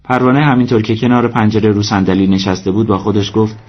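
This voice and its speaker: A man reading a story aloud as narrator, steady and measured. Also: lowish voice, breathy edge, muffled recording. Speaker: audiobook narrator. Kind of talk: scripted narration.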